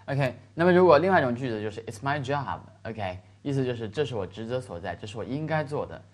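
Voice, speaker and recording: A man teaching English vocabulary in Chinese, stretching out the English examples slowly and checking in with his listeners. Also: mid-range voice, animated. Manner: explains in Chinese with slow, drawn-out English examples and frequent "是吧" checks. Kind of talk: classroom lesson explaining vocabulary.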